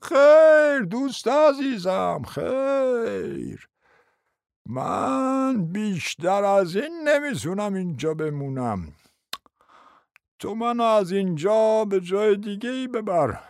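Reader doing a doddering old prince, slow and rambling, pitch wanders a lot. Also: big pitch swings, gravelly, no room sound, studio quality. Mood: plaintive.

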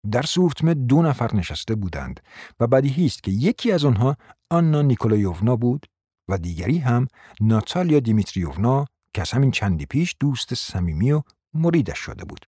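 A male narrator reads a classic tale in a husky, somewhat lower voice with lively pitch. The recording is dry and close-miked. He keeps a measured storyteller's pace. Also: no room sound. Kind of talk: scripted audiobook narration.

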